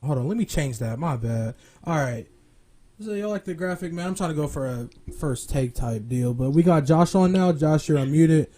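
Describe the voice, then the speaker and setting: A man's voice: fairly high pitch, expressive, moderate pace, warm tone. A young man hosting a live stream show in a loose, casual chat style. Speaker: host.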